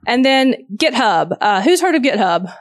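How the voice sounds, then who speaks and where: A woman's voice: on the high side, big pitch swings, normal speed, dry recording. Woman, Southern US accent, informal and chatty conference speaker, dry close sound. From Georgia, US South. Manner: chatty, informal, asks audience questions. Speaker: venture capital partner, conference speaker.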